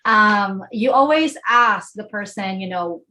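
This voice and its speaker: A woman's voice: mid-range voice, expressive, slow pace, sharp tone. A woman with a Filipino accent co-hosting a faith podcast, speaking eagerly and affirmingly and often saying "you know". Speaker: co-host. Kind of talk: casual faith-based podcast talk.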